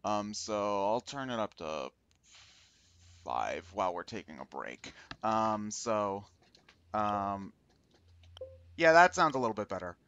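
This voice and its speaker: A man hosting a gaming stream with casual commentary, talking in a rambling, halting way and often correcting himself. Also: lowish voice, lively intonation, fairly bright tone, lo-fi sound, a little hiss or hum. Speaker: host of a charity gaming stream. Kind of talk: casual video game commentary. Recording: game music behind the voice. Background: video game music.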